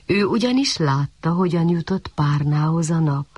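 A woman reading a children's story aloud in an expressive, animated way. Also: low voice, husky, no room sound.

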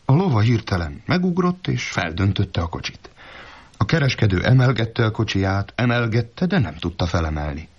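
A man with a low voice tells a folk tale in a steady, measured way. The recording sounds dull and lo-fi, as if from an old tape. His delivery stays even and unhurried. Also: husky. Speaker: storyteller.

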